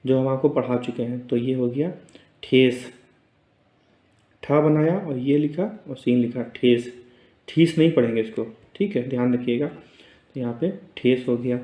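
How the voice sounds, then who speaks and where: A man teaching an Urdu writing lesson in a relaxed, spoken way, patiently repeating each word slowly and checking in with his students. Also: medium pitch. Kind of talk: casual spoken lesson, explaining letters on a board. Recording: roomy echo.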